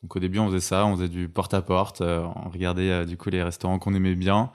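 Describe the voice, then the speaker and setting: Guest: a young man in his twenties, very deep voice, easy chatty delivery. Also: fast, clean tone. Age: 20s. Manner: relaxed, chatty, frequent fillers. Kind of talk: casual conversational interview.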